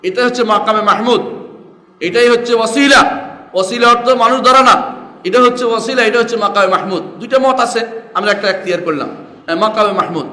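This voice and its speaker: A man's voice: high voice, a little fast, pushed and bright. A man giving a religious lecture as an Islamic teacher, often asking his listeners questions and repeating key phrases. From Bangladesh. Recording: echoey hall with long reverb.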